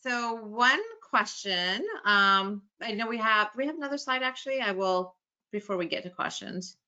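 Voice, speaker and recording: A woman with a bright, crisp voice hosts a webinar in an enthusiastic, chatty way and laughs easily. The audio is dull and lo-fi, as if it came through a video call. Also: mid-range voice, moderate pace. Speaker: webinar host. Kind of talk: hosted webinar conversation.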